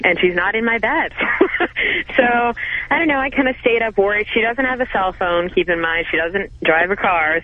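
Give me a giggly woman calling in to a radio show, her voice coming through a narrow, tinny phone line. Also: lowish voice. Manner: chatty, gushing, giggles between sentences. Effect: call-in radio caller heard over a phone line. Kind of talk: casual storytelling.

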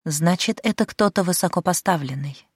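A woman's voice: on the low side, moderate pace, husky, no echo, studio quality. A woman voicing a capricious young noblewoman in an audiobook, with a demanding, sarcastic manner. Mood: insistent.

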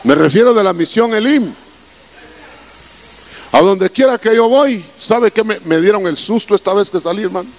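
A man's voice: sits high, lively intonation, normal speed, long pauses. A male preacher telling folksy personal stories in a sermon, often calling his listeners brother. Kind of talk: sermon storytelling.

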